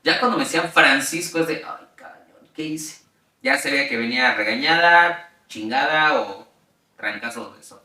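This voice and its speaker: A Mexican man talks through his stories as an interview guest, loose and chatty, full of fillers and quick laughs. His voice is bright and forceful. The mic sits some way off in a roomy space. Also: medium pitch, expressive. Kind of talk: casual storytelling. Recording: roomy sound, mic at a distance.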